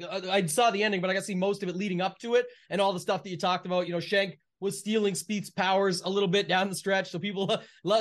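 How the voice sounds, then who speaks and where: A man's voice: high-pitched, fairly bright tone. A man co-hosting a golf podcast, chatting casually about sport in loose, run-on, clipped phrases. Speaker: co-host of a golf betting podcast.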